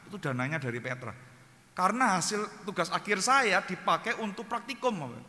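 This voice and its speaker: Sharp-voiced East Javanese pastor preaching. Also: male voice, a little high. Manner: lively storytelling, keeps addressing the congregation. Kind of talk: sermon. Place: church hall. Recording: long church-hall reverb.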